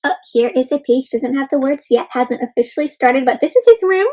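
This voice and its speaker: Reading an interactive storybook aloud to young children, this woman keeps asking her listeners questions and calls them her friends. Her high voice has a dark tone, and she sounds animated and fairly quick.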